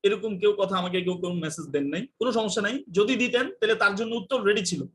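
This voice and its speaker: A man's voice: sits high, racing, fairly bright tone. A young man teaching English in a live online class, joking and scolding and mixing in English phrases.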